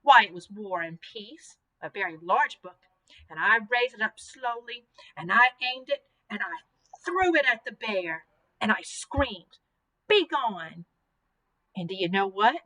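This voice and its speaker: A bright-voiced elderly Southern librarian, as a woman reading aloud puts her on, spinning a tale from her past. She speaks in a gentle, drawn-out storytelling way, as in a children's book read aloud. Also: mid-range voice, lively intonation, poor audio.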